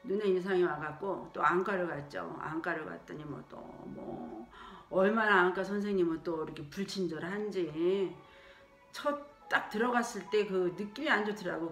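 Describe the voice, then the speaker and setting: A woman's voice: mid-range voice, recorded from a distance. Indignant woman in an echoey room. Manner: indignant storytelling, acting out quoted speech. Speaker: daycare worker. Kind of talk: personal testimony. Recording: roomy echo with faint music.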